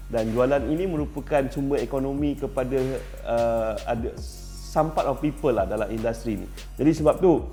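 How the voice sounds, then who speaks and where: A middle-aged man from Malaysia speaks in a lowish, warm and mellow voice. He answers interview questions casually and thoughtfully, pausing on fillers and restarting sentences as he goes. Faint music plays underneath. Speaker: racing team principal.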